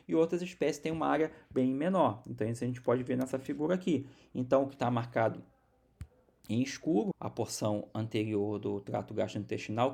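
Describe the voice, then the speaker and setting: A man's voice: mid-range voice, gravelly, a little mellow. A man from Brazil giving a recorded university biology lecture, explaining step by step with many restarts and repeated words.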